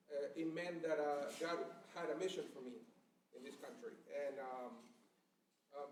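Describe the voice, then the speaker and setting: A man from Honduras in the audience giving a halting personal testimony with many pauses. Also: on the high side. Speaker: audience member. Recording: roomy and distant, faint noise.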